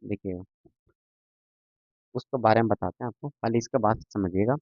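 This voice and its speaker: A man's voice: fairly low pitch, fairly even intonation, moderate pace, no echo. A man teaching a maths lesson to a class, patient and repetitive, often checking that students follow. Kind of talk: classroom lecture. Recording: dull lo-fi sound, dry.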